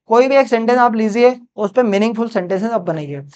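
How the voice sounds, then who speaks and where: A woman with an Indian accent teaching spoken English, drilling phrases slowly and asking her students questions. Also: fairly high pitch, expressive, a little mellow, smooth. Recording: dull lo-fi sound.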